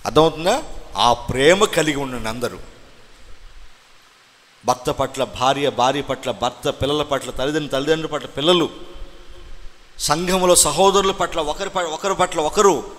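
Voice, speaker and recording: A man preaching a Sunday sermon as pastor, firing questions at the congregation and rising into loud exhortations. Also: a little high. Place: church hall. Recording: long hall reverb.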